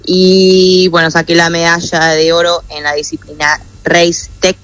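A young woman takes interview questions over a phone line. She talks slowly and a little hesitantly, in a bright, clear, smooth voice. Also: on the low side, little pitch movement. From United States. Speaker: athlete guest. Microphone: phone call over WhatsApp.

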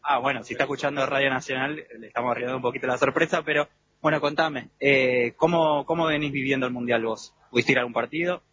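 A man with an Argentine Rioplatense accent doing a live radio field report and street interviews, pausing often with "eh". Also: mid-range voice, fairly even intonation. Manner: hesitant with frequent "eh" fillers. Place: outdoor fan zone with people around. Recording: dull lo-fi radio with loud background noise.

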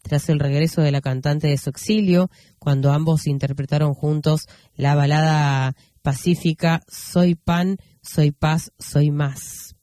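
Radio guy reading the news, kinda high voice but mellow, slow with lots of "eh", dry studio sound. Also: steady tone, no echo. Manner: unhurried, with fillers and self-corrections. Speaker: radio host.

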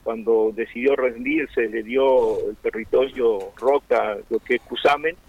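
A Mapuche-Tehuelche community member from Chubut, Argentina, gives a reflective explanation in a radio interview, speaking Argentine Spanish in a gravelly, mid-range voice. He is earnest and unhurried yet hesitant, with many fillers and restarts. The sound is dry and lo-fi.

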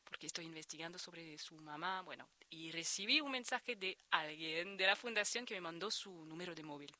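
Speaking Spanish with a French accent, this researcher from France, in her thirties, answers interview questions conversationally and hesitantly, with many restarts and repeated words. Her voice sits on the low side, pushed and bright, at a normal speed, and a little hiss or hum is audible.

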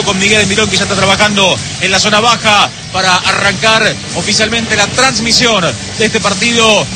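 A man's voice: high-pitched, noisy background. A man with an Argentine accent opening a live football radio broadcast from a stadium press booth, in a rolling, ornate announcer style. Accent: Argentine Spanish. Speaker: play-by-play radio narrator.

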